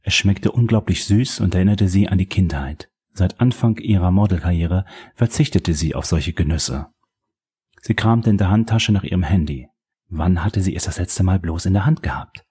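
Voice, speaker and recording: Low, husky male audiobook narrator. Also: moderate pace, mellow. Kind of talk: scripted narration of a crime novel.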